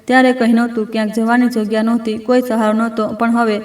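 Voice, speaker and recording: A woman storyteller reads scripted narration in short, even phrases. Her voice is high and keeps a flat, steady line. The mic sits at a distance in a roomy space. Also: fast talker.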